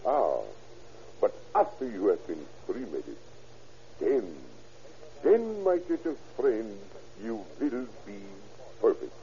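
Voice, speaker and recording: This old radio recording, muffled and faintly hissing, features 1940s acting: a man with a fairly low, mellow voice plays a gloating, scheming German doctor who kills his friend. He uses a German accent and a cackling laugh, speaking slowly in a heavily acted, sing-song way with frequent pauses.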